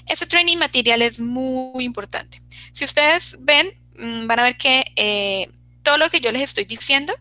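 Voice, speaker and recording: Lady teacher on an online class, bright and kinda high, always asking "right?" to check in. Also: unhurried, dry recording, poor audio. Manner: checks in constantly with "¿cierto?" and "¿sí?". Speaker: English teacher.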